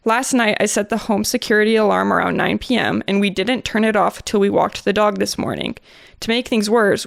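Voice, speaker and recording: Young woman podcast host, fry in her voice, chatty, reads stories out loud. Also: medium pitch, dry recording, clean studio sound. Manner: giggly, chatty. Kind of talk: casual chat and reading stories aloud.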